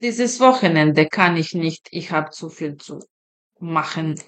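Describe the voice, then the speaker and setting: A woman teaching German, slowly repeating example sentences and translating them into her own language, explaining points conversationally. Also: deep voice, lively intonation, fairly bright tone. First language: Serbian. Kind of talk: slow, deliberate language lesson.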